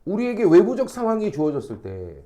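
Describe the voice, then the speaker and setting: A man lecturing a classroom in a casual, blunt way, his fairly high voice swinging widely as he acts out the people he quotes. His tone is mellow rather than bright, and he keeps pausing to check that students follow. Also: wildly swooping pitch. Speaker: academy teacher.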